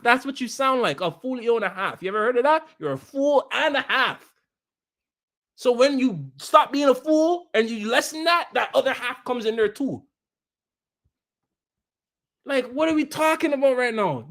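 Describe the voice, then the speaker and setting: Male streamer, high voice, heated combative rant aimed at chat. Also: fairly bright tone. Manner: combative, repetitive, talks straight at chat. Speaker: live streamer.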